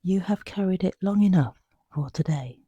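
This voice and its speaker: In a dry recording, a meditation guide with a breathy, soft, mid-range voice narrates a sleep meditation. The pace is unhurried and the tone hushed and soothing, broken by long pauses.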